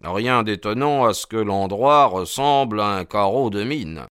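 A man reading the lines of a calm, firm male detective in an audiobook. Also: lowish voice, measured pace, smooth, no echo, clean studio sound.

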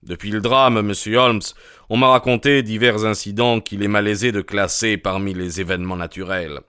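A man's voice: fairly low pitch, steady tone, bright, forceful tone, clear, resonant tone, no echo, studio quality. Man reading a grave, cautious country doctor. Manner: measured, earnest, reluctant. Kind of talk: audiobook character reading.

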